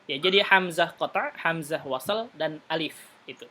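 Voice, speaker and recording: A man teaching an Arabic class, patiently explaining and repeating words slowly for his students. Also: a little high, bright, forceful tone, a little hiss or hum.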